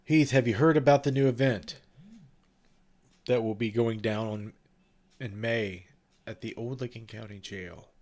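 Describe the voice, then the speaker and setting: Nasal and stuffed up from a cold, a man who hosts livestreams and organizes ghost hunts chats loosely with viewers, rambling through fillers and restarts. His mid-range, darkish voice is unhurried, with long pauses.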